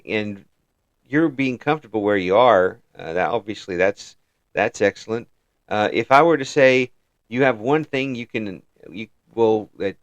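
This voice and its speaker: A fairly low-pitched man hosts a casual interview. He chuckles often and stumbles over his own phrasing as he builds each question. The sound is close and dry, with no room in it. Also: no echo, dull audio. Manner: chuckles often, repeats words while framing questions. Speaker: interview host.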